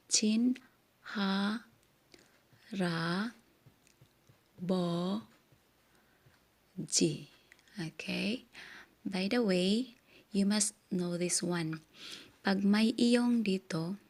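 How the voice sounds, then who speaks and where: A woman whose first language is Korean gives a casual language lesson at an unhurried, deliberate pace. She breaks each word into slow syllables and keeps asking her viewers "okay?" as she goes. Her voice sits at an ordinary middle pitch. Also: gravelly. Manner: slow, patient, spells words syllable by syllable; mixes Tagalog and English, says "okay?" often.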